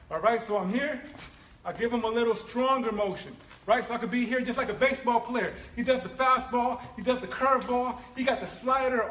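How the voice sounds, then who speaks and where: A man teaching martial arts feints and stances, coaching in an animated way and checking in with "right?" and "all right?" as he demonstrates. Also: very high-pitched, slight background noise. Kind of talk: instructional demonstration. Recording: echoey room with faint ambience.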